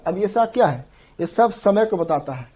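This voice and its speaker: A man's voice: sits high, animated, normal speed, warm tone, breathy edge. A male teacher giving an exam-prep grammar lecture, repeating each term several times and often checking in with the students. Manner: repeats terms drill-style, often checks in with the class.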